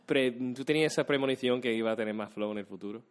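A man's voice: mid-range voice, quick pace, clean tone. A man chatting casually in a mixed American and Andalusian accent, clipping his words. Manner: clips words. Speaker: actor, guest. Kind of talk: casual chat.

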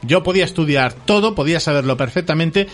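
A man's voice: fairly high pitch, quick pace, faint music behind. A young man in casual podcast chat, telling school anecdotes and acting out the voices of people in them. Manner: lively storyteller, acts out quoted voices.

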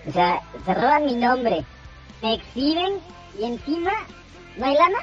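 A man's voice: very high-pitched, sing-song, a little slow. A Mexican man calling in over the phone, swearing and bossing the hosts around in mock anger. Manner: foul-mouthed, bossy, mock-angry. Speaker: caller. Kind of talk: crude joking banter. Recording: dull lo-fi phone call with music behind.

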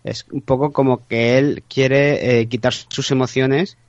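Man, podcast co-host, hesitant theorizer, mid pitch, dry muffled mic. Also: steady tone, measured pace, no room sound. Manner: theorizing, hesitant with many fillers. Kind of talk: casual chat.

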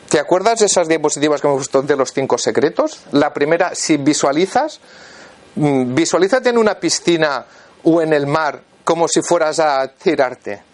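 A man walks a volunteer through a demonstration in front of an audience. His voice sits high and swings up and down. He keeps checking in with short questions as he gives each instruction. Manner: instructive, checks in constantly with "vale". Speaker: therapist leading a live demonstration.

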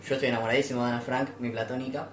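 A young man with a Rioplatense Spanish accent bantering on a podcast, teasing and throwing quick jokes. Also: mid-range voice, little pitch movement. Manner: teasing, joking, quick jabs. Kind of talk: casual banter. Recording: echoey room with faint noise.

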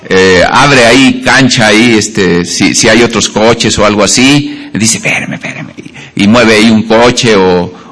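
A man's voice: fairly low pitch, a bit bright. Folksy man preaching. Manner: anecdotal, folksy preaching with jokes and many fillers. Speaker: pastor. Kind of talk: sermon.

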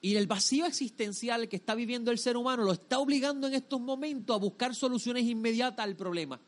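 A man with a high-pitched voice delivers a religious lesson to a group. He teaches emphatically, repeating key phrases for weight and checking in with short rhetorical questions. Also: fast.

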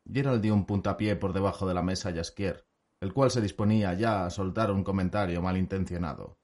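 A man narrating an audiobook in an even storytelling manner. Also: low-pitched, fairly quick.

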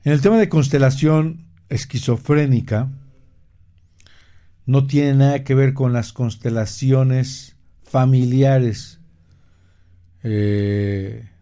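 A man hosting a radio health show, explaining terms and recounting a therapy case in a measured way, with frequent pauses and fillers. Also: medium pitch, steady tone, mellow. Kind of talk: slow explanatory talk.

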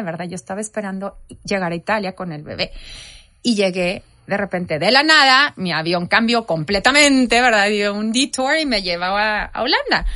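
Direction Tell it the way a mother talks about her own life: close and dry, with a woman's voice that is neither high nor low. Play the quoted dialogue out in full. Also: no room sound. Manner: animated storytelling, acting out quoted dialogue. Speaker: mother telling her story. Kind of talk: conversational interview.

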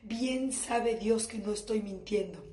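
A woman's voice: medium pitch, slow pace, mellow. A woman doing a brash, profane comedic monologue for a live stream, recorded in an echoey bathroom at home. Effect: echoey bathroom acoustics.

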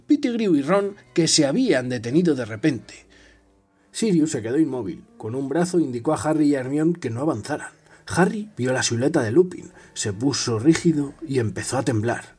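Man, husky, animated pitch swings, expressive novel reading, occasional whispers. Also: moderate pace. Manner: expressive, dramatic storytelling, drops to a whisper at tense moments. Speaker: reader.

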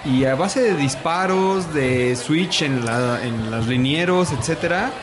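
A man's voice: a little high, takes it slowly. A Mexican man in a casual sports discussion, speaking colloquially and emphatically as one of the panelists. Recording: clearly noisy urban ambience behind voice.

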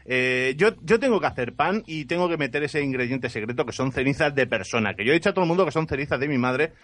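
A man's voice: medium pitch, lively intonation, quick pace, fairly bright tone. A man improvising a comic story in the first person, rambling and repeating his words as he goes. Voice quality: bearded. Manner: rambling, repeats words, laughs while telling. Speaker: improv player.

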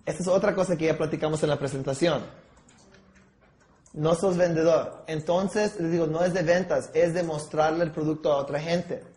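A man's voice: fairly high pitch, fairly even intonation, normal speed, a little mellow. A man leading a sales training session, acting out objections with listeners and often checking they follow, mixing in English words. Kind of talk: training talk with role-play. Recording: echoey room.

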